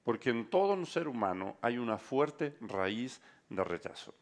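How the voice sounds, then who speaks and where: Brief: a male preacher with a mid-pitched voice, dramatic storytelling that swings between quiet and loud. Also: very animated, a little slow. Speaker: pastor. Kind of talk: sermon.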